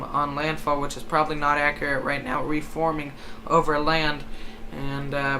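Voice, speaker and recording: A livestream host of unclear sex gives storm commentary in a bright, forward voice. The delivery is hesitant and self-correcting. There is some noise behind the voice. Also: mid-range voice. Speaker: livestream host tracking a hurricane. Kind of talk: live storm coverage commentary. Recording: noticeable background noise.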